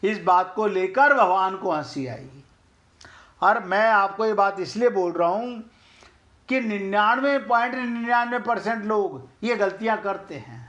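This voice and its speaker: Middle-aged male spiritual teacher, high voice, slow and earnest, talks straight to listeners. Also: expressive, fairly bright tone, highs cut off. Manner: chants couplets slowly. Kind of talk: explaining scripture.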